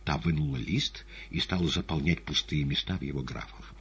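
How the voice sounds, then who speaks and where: Deep, husky male audiobook narrator. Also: fairly quick. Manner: dramatic, expressive reading. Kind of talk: expressive literary narration.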